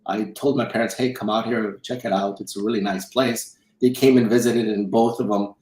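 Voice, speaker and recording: The guest in this interview is a middle-aged man from Romania who grew up in South Dakota from childhood and works as a film executive producer and financial advisor. He narrates his story conversationally, often repeating and rephrasing. His lowish, darkish voice holds fairly even intonation at a moderate pace, captured roughly in an echoey room.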